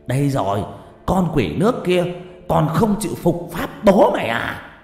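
A man voicing a terrified middle-aged male exorcist, shouting curses and then groveling in panic. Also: fairly high pitch, huge pitch swings, measured pace, roomy sound, in a large hall, soft background music, pitched above the performer's own voice, heavily acted. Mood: raging. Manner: shouting, then pleading frantically.

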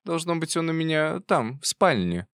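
A man voicing a brisk, bossy old aunt with a fussy, chiding, loud manner. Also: on the high side, sing-song, clear, resonant tone, dry recording, studio quality, pitched above the performer's own voice.

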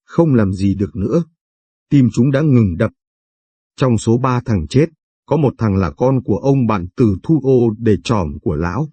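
A man reading a somber short story aloud in a measured narration. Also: mid-range voice, lively intonation, warm tone, breathy edge, no room sound.

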